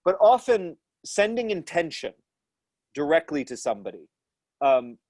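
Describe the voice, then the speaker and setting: A very animated man in his thirties, with a higher, slightly mellow voice at a moderate pace, teaches acting online from a small room at home. The live lecture and Q&A run over a video call on an earphone headset mic, with no echo. He explains thoughtfully with hand gestures, restarting often and using many fillers.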